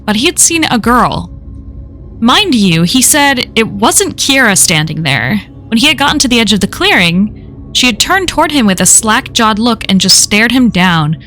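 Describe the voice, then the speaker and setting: A woman reads a horror story aloud for a live stream, her voice sitting at an ordinary middle pitch. She keeps a measured storytelling pace and slows down where the story grows tense. Soft music plays faintly behind her.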